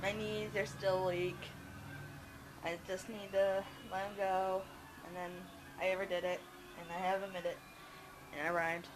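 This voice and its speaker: A woman's voice: medium pitch, little pitch movement, unhurried, pauses often, music in the background, rough recording. A woman vlogging casually in her apartment, venting bluntly and swearing freely while a little out of breath. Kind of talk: casual vlog chat. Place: hot apartment room with open windows. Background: construction noise and outdoor ambience.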